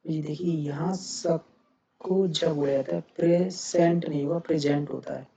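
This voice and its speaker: A man's voice: a little high, moderate pace, vocal fry, crowd noise. A man teaching English pronunciation, repeating each word and setting the wrong sound against the right one. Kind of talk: explaining word by word. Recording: dull lo-fi sound with faint noise.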